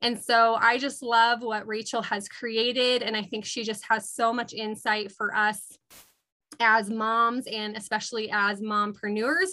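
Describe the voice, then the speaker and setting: A woman in her thirties hosts a podcast interview with eager enthusiasm. Her voice sits a bit high and sounds bright and crisp. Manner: enthusiastic, warm questioning. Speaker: podcast host. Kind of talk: casual interview chat.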